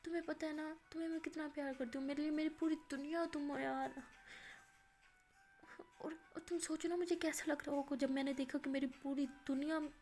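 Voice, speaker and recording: A woman's voice: sits high, flat delivery, fairly quick, darkish tone, faint music behind, pitched above the performer's own voice, close to an everyday voice. A woman voicing a remorseful young woman who pleads emotionally with her girlfriend in a spoken love story. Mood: pleading.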